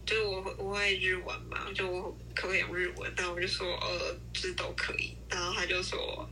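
A woman's voice: lowish voice, little pitch movement, fairly quick, bright, forceful tone, low-quality recording. A young woman talking casually as a podcast co-host, sharing personal anecdotes in an informal conversational way. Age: young adult. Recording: faint background noise.

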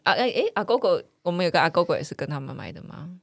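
Gravelly-voiced woman podcast host. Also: fairly low pitch, lively intonation, rapid-fire, no echo, clean studio sound. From Taiwan. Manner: chatty, asks follow-up questions and fills in the guest's sentences. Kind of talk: casual interview chat.

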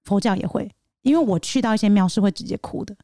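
A young adult woman from Taiwan co-hosting a casual chat podcast, expressive and quick. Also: mid-range voice, dry recording, studio quality. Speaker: podcast co-host.

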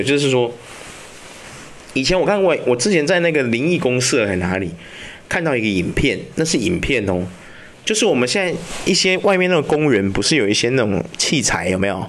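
A man's voice: medium pitch, slight background noise. A man, hosting a podcast and telling ghost stories in casual, profane chat, often asking whether the listener follows. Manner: animated and profane, keeps asking "you know?". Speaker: podcast host.

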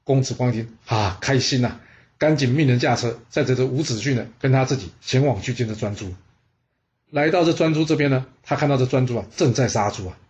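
A man telling history stories in a lively, conversational narration. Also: medium pitch, a little fast, lo-fi sound. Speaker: storyteller. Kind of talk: scripted history storytelling.

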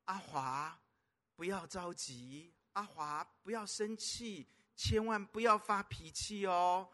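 A man voicing a patient young father who speaks slowly and softly. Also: sits high, expressive, exaggerated voice. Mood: soothing. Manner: slow, soft, soothing.

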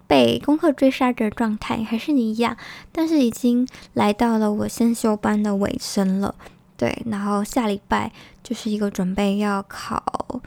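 Creaky-voiced woman talking through dental braces. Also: a little high, dark tone. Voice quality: slightly slurred articulation from wearing dental braces or retainer. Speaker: podcast host. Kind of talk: casual solo podcast talk.

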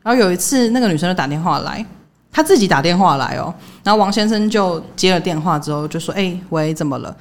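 A woman's voice: on the low side, fast talker. A woman, co-hosting a podcast in casual chat and telling stories animatedly. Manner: animated storytelling, laughing, acting out quoted lines. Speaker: podcast co-host.

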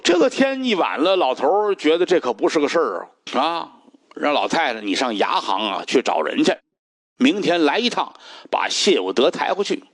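Male storyteller, lively pitch swings, dry close sound. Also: moderate pace, no echo. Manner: animated, dramatic pacing. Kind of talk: traditional solo storytelling.

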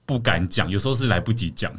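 A man in his thirties with a Taiwanese Mandarin accent, co-hosting a casual podcast, emphatic and quick to laugh. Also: fairly low pitch, lively intonation, over a noisy crowd. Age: 30s. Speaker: podcast co-host. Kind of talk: casual chat.

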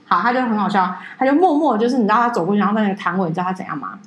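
A woman co-hosting a podcast, telling stories in a casual, animated way and mimicking people in a high voice. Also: racing, roomy sound, low-quality recording. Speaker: podcast co-host. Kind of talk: casual chat.

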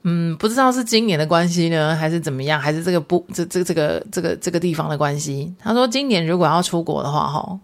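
A woman's voice: on the low side, fast, hardly any pauses. A woman podcast host with a Taiwanese Mandarin accent, telling everyday stories in a chatty, casual monologue mixed with Hokkien phrases.

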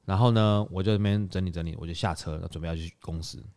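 A man co-hosts a casual podcast, telling a story at a quick clip. His voice sits fairly low, and he brings the scene to life by acting out what people said. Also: clear, resonant tone. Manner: animated, retells scenes with acted quotes. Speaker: podcast co-host.

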